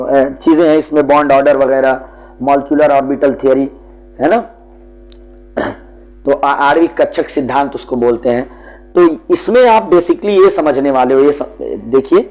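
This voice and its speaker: A man's voice: on the high side, darkish tone, poor audio. Fatherly chemistry teacher. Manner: explains patiently, calls students "beta". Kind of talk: classroom syllabus lesson.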